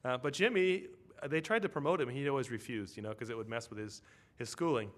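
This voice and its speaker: Man of medium pitch preaching casually, telling stories and checking in with the congregation. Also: quick pace. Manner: storytelling, with tag questions to the congregation. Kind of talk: conversational sermon.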